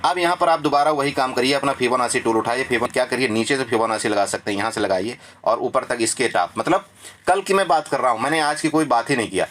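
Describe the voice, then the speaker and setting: Talking fast in a slightly bright mid-range voice, a man teaches trading charts in a relaxed lesson, with a faint hiss or hum in the recording. He's chatty and repetitive, keeps saying "theek hai," and addresses viewers as his friend while checking they're following.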